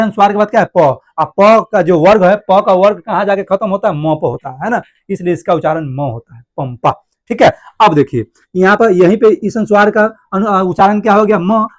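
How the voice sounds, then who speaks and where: A male teacher gives a classroom grammar lesson, repeating each point and asking the class questions that he then answers himself. His voice sits high, and he speaks to his students affectionately. The recording is dry and close, with no room sound. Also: no echo.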